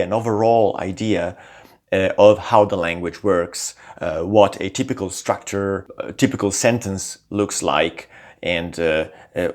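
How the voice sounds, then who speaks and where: The host of a language-learning channel, a man with a lower voice, reads scripted lines to camera. Italian is his first language, and he sounds lively, varying his intonation and dropping in frequent small fillers.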